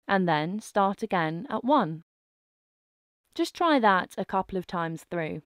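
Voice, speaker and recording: A woman narrating a guided breathing meditation in a gentle, calming manner. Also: mid-range voice, no echo, studio quality. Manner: slow, gentle, calming delivery with soft phrasing.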